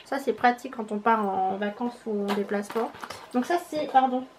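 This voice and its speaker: Young female vlogger, high-pitched, casual and halting, faint background noise. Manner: chatty, hesitant, thinking aloud. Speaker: beauty vlogger. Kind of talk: casual unboxing chat.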